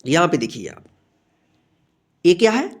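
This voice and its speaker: A woman's voice: lowish voice, sing-song, measured pace, slightly rough. A woman teaching a beginner alphabet lesson, patient and repetitive, who draws out each letter sound and checks in with her students again and again.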